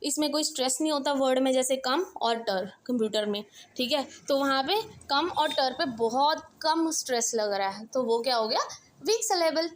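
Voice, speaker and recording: A woman's voice: high-pitched, normal speed. A woman teaching an English revision lesson in a casual, explanatory way, often checking in with her listeners. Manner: explanatory, repeats "ठीक है" checks, mixes Hindi and English.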